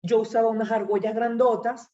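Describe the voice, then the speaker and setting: Recorded off-mic from a distance in an echoey room, this church member from Venezuela shares a hesitant, filler-heavy, rambling testimony in a group discussion. Her warm voice is on the high side, a little fast, with fairly even intonation, and the sound is muffled.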